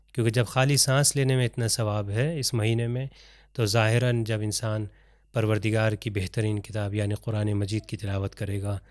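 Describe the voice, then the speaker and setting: A man teaching an online Quran recitation lesson, explaining step by step with examples and reciting Arabic verses slowly. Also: fairly low pitch, darkish tone, no echo, studio quality.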